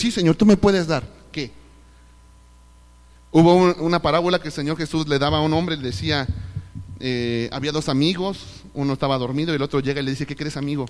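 A man with a Mexican Spanish accent preaching a sermon at a church service, asking rhetorical questions and acting out the voices of the people he quotes. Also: a little high. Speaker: pastor. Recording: live recording with long hall reverb.

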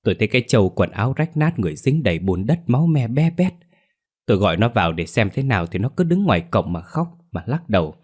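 A man's voice: on the low side, big pitch swings, quick pace, a little mellow, husky. A man voicing a frightened middle-aged mother, crying out about her daughter. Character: frantic middle-aged mother, tearful and shrill.

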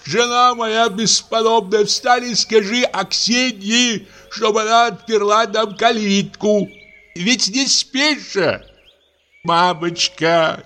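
A man's voice: high voice, pushed and bright, husky, pitched above the performer's own voice, exaggerated voice. A man voicing a tipsy, tired, blustering middle-aged man who pleads, then curses in a fluster, in an audiobook. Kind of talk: audiobook character voice.

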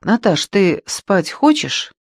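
A man reading the part of a gentle, remorseful young man who speaks in a hesitant, subdued way. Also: sits high, big pitch swings, slow pace, no echo, clean studio sound, pitched above the performer's own voice, full character voice. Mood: troubled.

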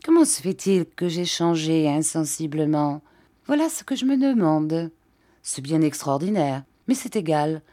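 A woman's voice: sits low, big pitch swings, unhurried, dark tone. A woman reading an audiobook, voicing an ironic young woman who speaks with feigned innocence and pointed, raised questions.

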